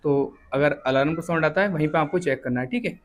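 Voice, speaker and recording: A man teaching a step-by-step repair, explaining each check plainly and often pausing to confirm with the viewer. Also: a little high, a little hiss or hum. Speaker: repair instructor. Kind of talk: hands-on repair tutorial.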